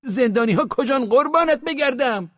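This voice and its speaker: A male audiobook reader voices panicked, bumbling young provincial gendarmes, yelping and whining frantically in a rural twang with dialect-tinged shouting. His husky, exaggerated delivery is raised, sing-song and wildly swinging in pitch. The recording sounds dull, dry and lo-fi, with no room sound.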